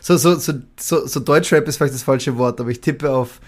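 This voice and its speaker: A man's voice: mid-range voice, fairly quick. Male musician guest, casual, rambling, self-correcting. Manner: thinking aloud, many restarts. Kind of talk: casual conversation.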